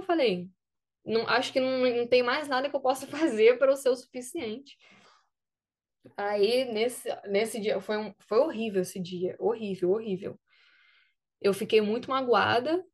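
A young woman from Brazil, a student athlete, recounting a story in a casual interview with lively quoted dialogue. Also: mid-range voice.

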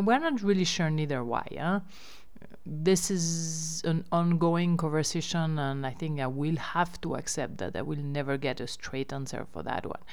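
Female host, deep clean tone, informal update delivery. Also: smooth. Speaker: host running a riverside lodge and campsite. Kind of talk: casual spoken news update.

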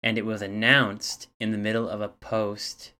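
Man, podcast co-host; very low voice, casual, reads facts with hesitant fillers. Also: level tone, normal speed, pushed and bright, smooth. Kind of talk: casual chat.

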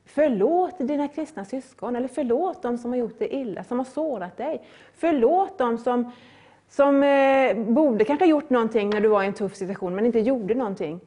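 A middle-aged woman preaching a sermon, earnest and repetitive, with loud rising appeals. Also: on the high side, animated.

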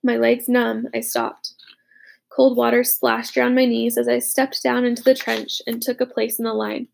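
A woman narrating a war story as a young soldier, with dramatic, hushed, urgent delivery in the dialogue. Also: on the high side, little pitch movement, moderate pace, gravelly, slight background noise. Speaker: narrator voicing a boy soldier. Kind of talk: audiobook narration.

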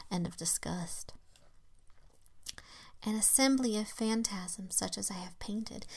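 A woman reading a classic tale aloud in a hushed, half-whispered voice, with slow, dramatic phrasing and occasional slips. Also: medium pitch. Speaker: reader.

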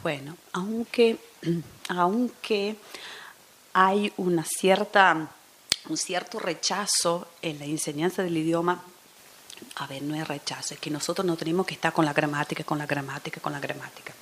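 A woman guest, a teacher, talking through an interview in a thoughtful way and often dropping into soft near-whispers. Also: low voice, steady tone, normal speed, slight background noise. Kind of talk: casual interview chat.

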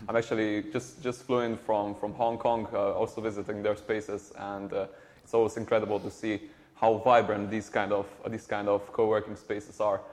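Lowish-voiced man, halting speech. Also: little pitch movement, a little mellow. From Slovenia. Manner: halting, many repeated words and fillers. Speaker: startup co-founder guest. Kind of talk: conversational interview.

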